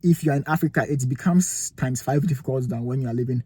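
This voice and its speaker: A young vlogger with a Ghanaian accent gives emphatic motivational life advice to camera from a cold room indoors, posing rhetorical questions. He talks fast at medium pitch, with a warm, husky voice, and the recording is dry.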